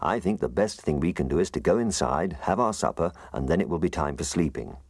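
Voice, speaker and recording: A patient, gently teasing father speaks in a very deep voice, as a man voices him. The tone is husky and gravelly, dry and close. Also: lively intonation, fairly quick, dry recording, heavily acted.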